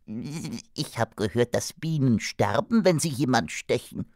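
A man voicing an excitable, gossipy young male fly whose pitch jumps around. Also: measured pace, no room sound, studio quality. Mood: chatty. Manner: excitable, wide swings in pitch.

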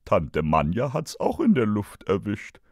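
A man's voice: lowish voice, huge pitch swings, unhurried, dry recording, studio quality, full character voice. A man voicing a laid-back young male fly with a lazy, drawling delivery.

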